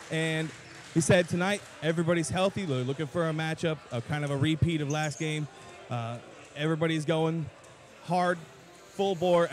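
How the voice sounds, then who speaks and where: Courtside reporter, man, fairly high voice. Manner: loose, rambling with fillers. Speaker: sideline reporter. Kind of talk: pregame sports report.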